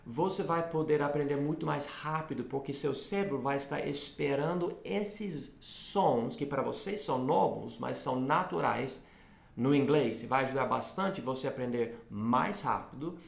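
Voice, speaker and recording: Creaky-voiced man teaching. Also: mid-range voice, reverberant. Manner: explains slowly, repeats words for contrast. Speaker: English teacher and co-host. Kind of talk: casual bilingual lesson chat.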